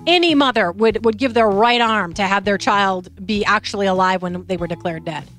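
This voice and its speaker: A woman's voice: mid-range voice, moderate pace, fairly bright tone, faint music behind. A woman hosting a talk show. She chats casually through a news story, tells it with a lot of emotion and often restarts her sentences.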